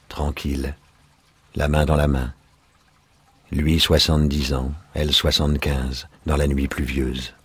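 A man narrating a story in a calm, measured audiobook reading. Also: extremely low pitch, breathy edge, no room sound.

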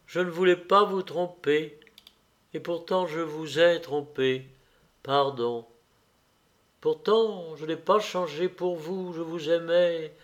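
A man reading aloud and voicing an earnest, tender young woman in a soft, pleading way. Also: a little high.

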